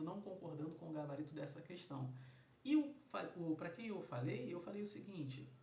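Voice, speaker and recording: A man teaching an exam review lesson, who slows down and stresses words loudly when breaking them into sounds. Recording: echoey room, mic at a distance, faint rumble.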